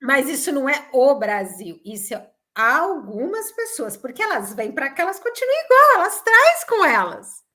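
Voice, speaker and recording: A woman's voice: sits high, sing-song, moderate pace, sharp tone. A Brazilian woman co-hosting a casual talk show, speaking emphatically and repeating her points. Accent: Brazilian Portuguese. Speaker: co-host. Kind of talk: casual opinion chat.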